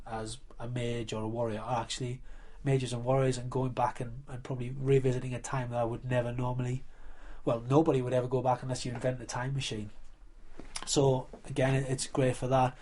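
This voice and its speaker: Mellow, even-toned man explaining things. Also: mid-range voice, a little fast. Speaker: live role-play coordinator and referee. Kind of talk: explanatory documentary interview.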